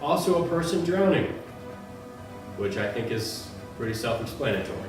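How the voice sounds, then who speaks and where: A man playing a pompous, deadpan local TV news anchor with a mock-authoritative manner in a parody newscast. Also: mid-range voice, moderate pace, natural voice. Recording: echoey room, distant mic, music behind.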